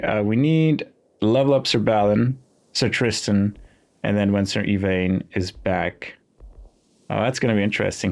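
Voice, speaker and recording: Over background game music, a host doing casual game commentary reads the on-screen text in a lowish, darkish voice with vocal fry. He muses hesitantly, thinking out loud.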